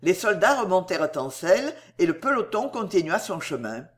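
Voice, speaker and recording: A narrator reading a war story aloud with an expressive, dramatic delivery. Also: medium pitch, normal speed.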